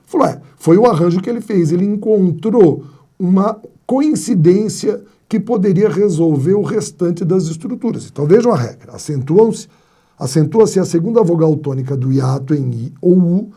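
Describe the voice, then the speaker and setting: A man's voice: fairly high pitch, mellow, husky. A man teaching a grammar lesson, asking and answering his own questions and telling playful anecdotes. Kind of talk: classroom lecture on spelling rules.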